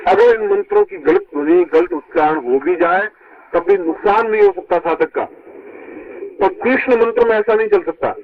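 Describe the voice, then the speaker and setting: Gravelly man on old worn tape. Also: muffled recording. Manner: emphatic, voice jumps high on stressed points. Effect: old worn tape recording. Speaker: spiritual teacher. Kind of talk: spiritual discourse to disciples.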